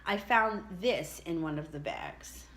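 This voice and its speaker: A middle-aged woman chatting casually and reflectively as she tells a personal story, with halting asides. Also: fairly low pitch, animated, a bit bright. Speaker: vlogger telling a personal story.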